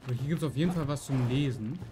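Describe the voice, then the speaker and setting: A man's voice: mid-range voice, quick pace, loud music behind the voice. A man doing casual live game commentary, thinking aloud in short remarks. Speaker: let's play streamer.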